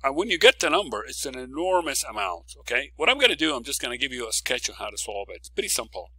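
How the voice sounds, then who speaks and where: A man's voice: mid-range voice, big pitch swings, fast, bright, forceful tone, slightly rough, no echo, low-quality recording. A man teaching a recorded physics lecture, working through a problem step by step, stressing key words and often checking in with "okay?". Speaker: physics professor.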